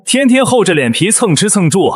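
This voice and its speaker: A mocking young classmate taunts the others, as a man plays him. His voice is a bit high and swings widely. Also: sing-song, brisk, husky, heavily acted.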